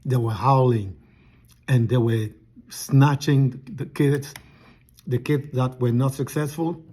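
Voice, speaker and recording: A man earnestly telling a personal spiritual testimony, halting and restarting as he goes, eating something while he talks. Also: medium pitch, steady tone, mellow, husky. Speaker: testimony speaker.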